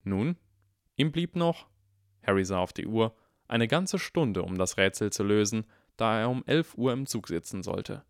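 A man with a fairly low voice reads an audiobook in an even, measured way. The recording is close and dry, with no room sound. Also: no room sound. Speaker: audiobook reader. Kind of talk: audiobook narration.

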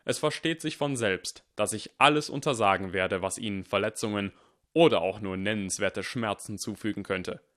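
A man voicing a stern, cunning male teacher who speaks calmly, deliberately and firmly. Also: on the low side, close to an everyday voice. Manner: calm, deliberate and firm.

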